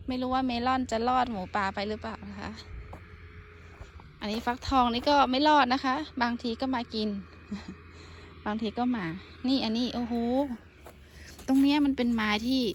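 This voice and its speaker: Woman, 30s, from Thailand, casual gardening vlogger, excitable, outdoors with a handheld phone. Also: a little high, slight background noise. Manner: chatty, bursts into excited exclamations. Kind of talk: casual chat while gardening. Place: outdoor vegetable field in rural Japan. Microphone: handheld phone camera.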